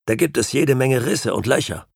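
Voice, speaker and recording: A man's voice: mid-range voice, lively intonation, moderate pace, vocal fry, darkish tone, husky, no echo, studio quality. A man voicing a cocky, joking young whaler in an audiobook, lifting his voice for the part. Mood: brash. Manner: lighter, raised voice for quoted lines.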